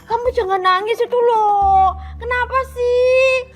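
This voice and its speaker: A woman's voice: extremely high pitch, measured pace, music in the background. An actress playing a fussy, coaxing young woman who shrieks and fake-sobs in a comic soap scene. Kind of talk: comedic soap-opera acting.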